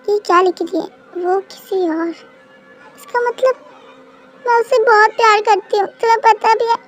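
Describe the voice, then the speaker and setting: A high-voiced reader voicing a shy young female college student in a fan-dub audio drama, stammering and tearful. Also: unhurried, a bit bright, soft background music. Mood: heartbroken.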